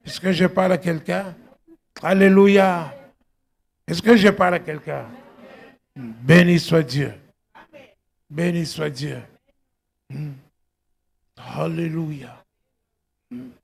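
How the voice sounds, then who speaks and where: The speaker is a middle-aged male pastor who moved to Belgium at eighteen, giving an exhortative sermon. With a husky, gravelly, fairly high voice, he delivers it slowly and emphatically, marking his points with exclamations and questions put to the congregation.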